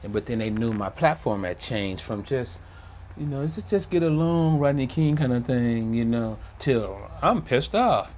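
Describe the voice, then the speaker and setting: A man's voice: medium pitch, moderate pace, slight background noise. A middle-aged man interviewed as a grieving father, talking emphatically and acting out moments as he tells them. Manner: animated, emphatic, acts out past moments. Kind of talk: emotional interview recollection.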